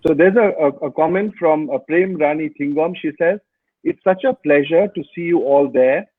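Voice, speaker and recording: Over a thin, phone-like video call line, a male host with a fairly high voice reads viewer comments during a casual live interview. He's chatty and teasing, his voice slightly raised, with halting fillers; there's no echo.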